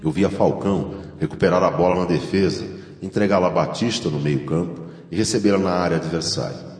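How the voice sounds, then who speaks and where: A man's voice: deep voice, fairly quick, a little mellow. A man reading a scripted, literary first-person narration. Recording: echoey hall reverb, faint music.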